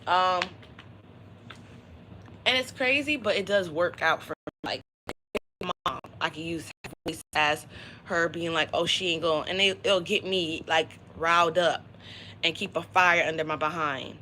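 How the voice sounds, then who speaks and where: A woman's voice: fairly low pitch, measured pace, sharp tone, slight background noise, poor audio. A woman giving a casual, motivational tarot reading on a livestream, talking in a slangy, conversational way. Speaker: tarot reader.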